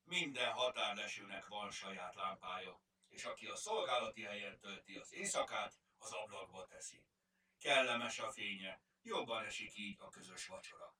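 A man's voice: fairly low pitch, lively intonation, sharp tone. A man playing a proud bearded border guard. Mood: friendly. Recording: roomy, distant mic.

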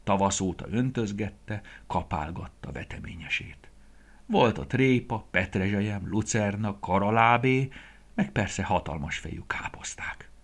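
A man reading a children's story aloud in an expressive, gentle storytelling way. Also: lowish voice.

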